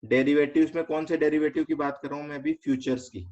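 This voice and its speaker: A man's voice: fairly high pitch, fairly even intonation, warm tone. A man with an Indian accent teaching a finance lesson step by step, quizzing students and mixing in English terms. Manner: explains step by step, asks students quick check questions; mixes English terms into explanation. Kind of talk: online class lecture. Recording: slightly dull lo-fi recording.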